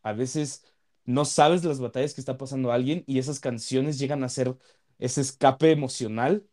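A young man talks in a mellow, warm tone. He is earnest and a little halting, repeating words as he gathers his thoughts in casual conversation. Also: medium pitch, fairly even intonation. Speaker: law student.

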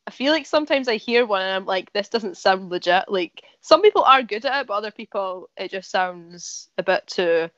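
A woman's voice: mid-range voice, animated, brisk, hardly any pauses, fairly bright tone, dry recording, dull audio. A woman hosting a podcast, chatty and giggly, full of "like". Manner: chatty, giggles often, fillers like "like". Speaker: podcast host. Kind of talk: casual interview chat.

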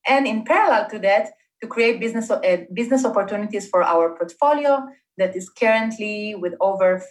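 A woman's voice: mid-range voice, fairly quick. Woman chatting with many fillers. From Israel. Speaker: guest, startup investment partnerships manager. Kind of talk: conversational interview.

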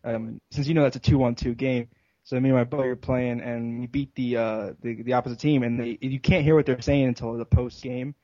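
A man at a middling pitch telling a story in an easy, low-key way. The sound is dry and dead, with dull, lo-fi audio. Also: fairly even intonation, a little fast, warm tone, no echo. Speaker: podcast co-host. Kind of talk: casual chat.

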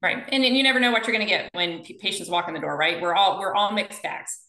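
A woman's voice: mid-range voice, lively intonation, fast, bright, forceful tone, a little hiss or hum. A woman physical therapist being interviewed, telling stories with energy and acting out the quoted dialogue. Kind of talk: conversational interview. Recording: echoey room.

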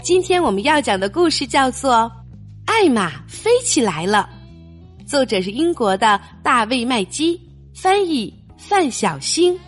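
A woman reading a picture book aloud for children in an expressive storytelling way. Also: high-pitched, unhurried, soft background music.

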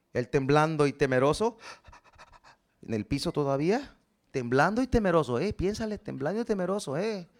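A male pastor delivers a sermon in a high, lively voice that climbs and drops freely. He tells the story with drama and keeps turning to the congregation with questions. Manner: animated, dramatic storytelling preaching.

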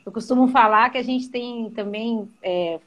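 A woman's voice: on the high side, normal speed. A woman talking reflectively in a casual conversation, tagging her sentences with short questions. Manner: reflective, fills with frequent "né".

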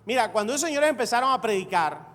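A male pastor delivering an evangelical sermon, emphatic and repetitive, building to shouts. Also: extremely high pitch, expressive, fast. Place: church sanctuary. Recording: reverberant hall with faint music.

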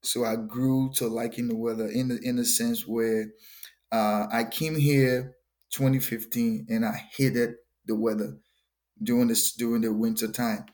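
A man's voice: mid-range voice, flat delivery, a little slow, darkish tone. A young Liberian man with a Liberian accent, a gospel musician talking earnestly in a podcast interview and often repeating words. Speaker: gospel musician and worship leader.

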